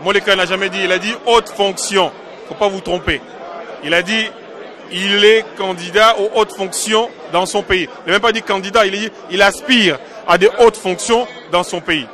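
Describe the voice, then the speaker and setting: A man from Congo gives forceful, insistent interview answers, driving his points home through repetition. His voice sits high and sounds bright and sharp. He is outdoors in a city, with a faint crowd murmuring behind him. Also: steady tone, moderate pace. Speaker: diaspora political activist.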